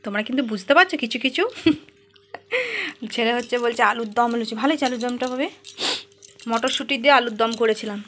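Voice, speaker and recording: Quick chatty woman vlogger. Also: on the high side, fairly bright tone, a little hiss or hum. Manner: chatty, talks straight to viewers. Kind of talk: casual home vlog narration. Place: home kitchen.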